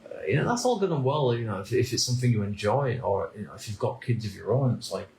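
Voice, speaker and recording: A man in his thirties from the UK, musing aloud in a slow, halting vlog monologue with many restarts. His voice sits on the low side with a gravelly edge. It is recorded in an echoey room over a faint ambient hum. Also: animated, darkish tone. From United Kingdom. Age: 30s. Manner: halting, repeats words and restarts often. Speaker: vlogger. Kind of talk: reflective personal monologue.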